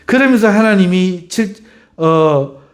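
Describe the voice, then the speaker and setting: High-voiced pastor preaching. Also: male voice, lively intonation, slow pace. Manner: conversational, fires rhetorical questions at the congregation; chuckles at his own remarks. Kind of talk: Sunday afternoon sermon.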